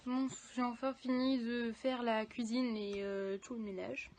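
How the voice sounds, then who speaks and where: A young woman chats in a casual reading vlog, her voice sitting a little high. She talks loosely and hesitantly, often stopping on fillers. It sounds like a phone recording with a faint hiss underneath. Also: flat delivery, a little slow. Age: young adult. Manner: chatty, many hesitations and fillers. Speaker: book vlogger. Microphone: phone camera.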